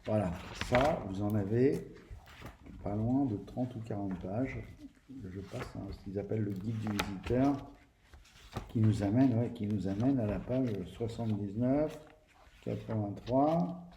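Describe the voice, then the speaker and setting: A man with a lowish, slightly slow voice casually reviews a tabletop game book, addressing viewers directly. He's hesitant, restarting often and using lots of fillers, and the recording has a roomy echo and faint background noise.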